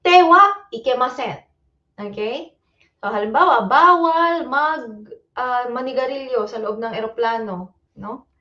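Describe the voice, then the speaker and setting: A Filipino-accented woman leads a relaxed livestream lesson at an unhurried, deliberate pace, her voice sitting a little high. She drops in easy fillers and laughs now and then. The stream audio is dull and lo-fi. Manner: casual, repeats fillers like ayan and okay, laughs often; mixes Tagalog and English. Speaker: Japanese language teacher. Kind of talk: livestreamed exam review lesson.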